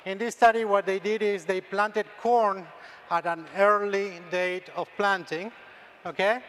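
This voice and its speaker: A middle-aged man with an Argentine accent gives a conference lecture in a fairly high voice. He stumbles and repeats words, and he keeps tagging "okay?" onto his points. A faint hiss sits under the recording. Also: steady tone, unhurried, a bit bright. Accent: Argentine Spanish. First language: Spanish. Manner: frequent restarts and tag "okay?". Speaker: extension dairy scientist, presenter. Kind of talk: conference talk with slides.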